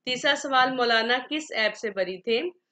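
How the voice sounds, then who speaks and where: A woman's voice: a little high, a little slow, sharp tone. A woman with a Pakistani Urdu accent teaching a grammar lesson to students, methodically listing example words one by one. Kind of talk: classroom lecture.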